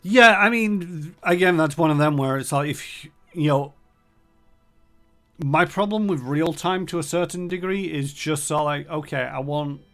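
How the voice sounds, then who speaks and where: A man's voice: on the high side, measured pace, fairly bright tone, faint music behind. A man streaming a video game, chatting casually and thinking aloud with lots of fillers. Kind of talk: casual gameplay commentary.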